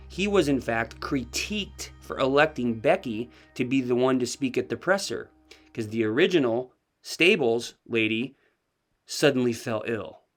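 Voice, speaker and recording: Guy doing true crime commentary, suspicious and pointed, mid-pitched voice, bit of music low underneath. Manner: skeptical, emphatic, pointed questioning.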